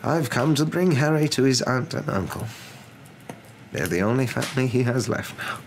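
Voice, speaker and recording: A man playing a wise old wizard, calm, firm and measured, in a storybook reading. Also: medium pitch, a little hiss or hum, voice pushed up, close to an everyday voice, low-quality recording.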